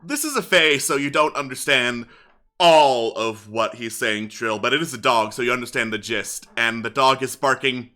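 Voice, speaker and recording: A man narrating as game master of a tabletop game, often pausing with fillers and breaking into laughter. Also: mid-range voice, pushed and bright. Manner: hesitant, filler-heavy narration with bursts of laughter.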